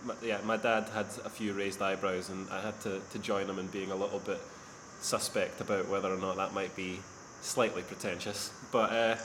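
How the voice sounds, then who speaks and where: A man's voice: sits low, little pitch movement, moderate pace, hardly any pauses, background noise. Rambling male podcast host, echoey room. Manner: rambling, self-deprecating. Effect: echoey sound from a near-empty living room. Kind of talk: casual podcast chat. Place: sparse living room, indoors.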